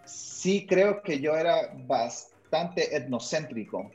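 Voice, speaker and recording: A man's voice: a little high, animated, takes it slowly, a little mellow, muffled recording, soft background music. A young man from Honduras with a Honduran accent, a missionary telling his personal story in a radio interview, hesitant, with frequent fillers and tag questions. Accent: Honduran Spanish. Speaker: missionary guest.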